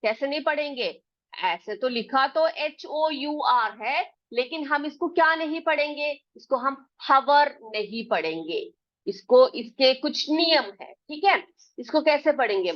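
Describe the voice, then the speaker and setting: A woman teaching young students in a classroom lesson, speaking in a patient way and repeating her questions and answers. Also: high voice. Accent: Hindi. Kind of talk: classroom lesson explaining silent letters. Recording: dull lo-fi recording.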